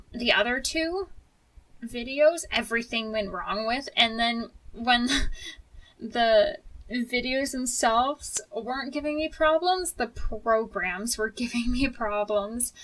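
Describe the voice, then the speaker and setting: A woman with a moderately high-pitched voice talks in a casual storytime vlog. Her delivery is informal and candid, with a mildly wry edge, as a video creator speaking to viewers. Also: a bit bright, recorded from a distance, poor audio.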